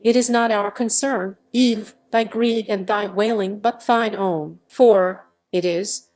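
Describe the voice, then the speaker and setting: A woman's voice: mid-range voice, fairly even intonation, slow, a little mellow, close to an everyday voice. A woman voicing a defiant wild beast that rebukes in archaic words. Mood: reproachful. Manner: reproachful, archaic speech.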